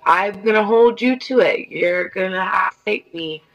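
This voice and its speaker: A woman's voice: mid-range voice, normal speed, gravelly, a bit bright, lo-fi sound. Brief: woman, twenties, from Oklahoma, casual video-call chat, playful. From Oklahoma, USA. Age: 20s. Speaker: content creator chatting on a video call.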